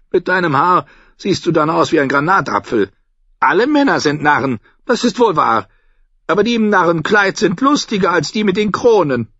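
A man voicing a sharp-tongued old noblewoman who mocks everyone bluntly and chattily. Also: sits high, breathy edge, no room sound, voice pushed up, full character voice. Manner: cutting, scornful, chatty. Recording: dull, dry audiobook recording.

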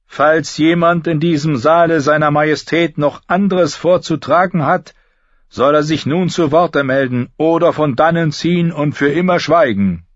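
A man doing a loud ceremonious herald. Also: a little high, normal speed, dry recording, muffled recording, pitched above the performer's own voice, lightly acted. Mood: proclaiming. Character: formal male royal herald.

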